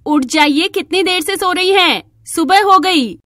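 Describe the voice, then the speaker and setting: A woman's voice: extremely high pitch, measured pace, pushed and bright, dry recording, clean studio sound, voice pushed up, heavily acted. A woman voicing a cheerful young sister-in-law who teases affectionately. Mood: teasing.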